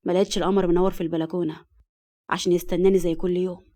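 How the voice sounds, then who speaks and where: A woman's voice: lowish voice, flat delivery, rapid-fire, warm tone, close to an everyday voice. A woman with an Egyptian accent voicing a joking, affectionate young husband in cheeky banter, close to her own voice. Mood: tender.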